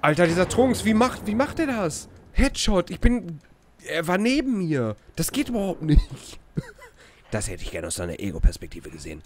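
Excitable male gamer over game gunfire. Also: sits high, normal speed. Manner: loud, laughing, complaining about opponents. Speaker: livestream gamer. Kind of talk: excited live gameplay chat. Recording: noisy stream with game gunfire behind.

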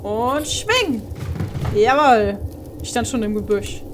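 Young woman let's-play host, high and unhurried, exclaiming, faint hiss behind. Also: animated. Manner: exclaiming, chatty, swears now and then. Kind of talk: commented horror gameplay.

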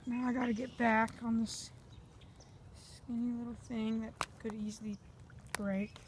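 A woman's voice: on the high side, level tone, unhurried, a little hiss or hum. A woman filming a casual fishing vlog on a handheld phone outdoors by a pond, rambling to her viewers as she goes. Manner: rambling, chatty, talks to viewers as "guys". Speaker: fishing vlogger.

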